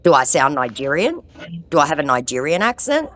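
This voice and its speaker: A scam-baiting vlogger, a woman with an ear infection, taunts a phone scammer in a confrontational, sarcastic way and afterwards talks with viewers. She speaks a little fast, her deep voice very animated and fairly bright.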